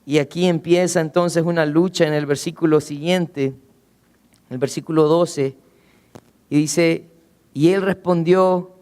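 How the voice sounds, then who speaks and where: A man preaching a sermon as pastor, earnestly asking rhetorical questions and slowing down, going low for emphasis. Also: fairly even intonation, darkish tone, clear, resonant tone, big-room sound. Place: church.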